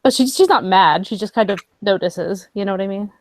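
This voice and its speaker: A woman's voice: mid-range voice, a little fast, darkish tone, no room sound. Woman, tabletop player, chatty, dry close sound. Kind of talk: tabletop role-play chat.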